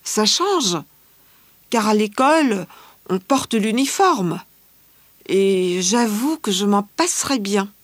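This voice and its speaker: A woman voicing a cheerful teenage schoolgirl who loves fashion, answering interview questions in a scripted exam dialogue with measured, careful delivery. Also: mid-range voice, lively intonation, no room sound. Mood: calm chatty.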